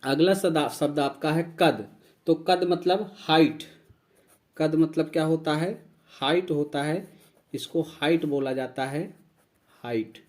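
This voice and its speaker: Guy teaching english words, kinda high voice, repeats and spells everything. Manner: slow, repeats each word and spells it out. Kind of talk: vocabulary lesson.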